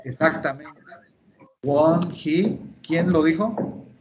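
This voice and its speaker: A man's voice: fairly high pitch, lively intonation, takes it slowly, lo-fi sound, a crowd in the background. A male English teacher giving an online class, explaining step by step and repeating key terms over a computer microphone. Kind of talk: online class lecture in Spanish. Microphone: computer mic on a video call.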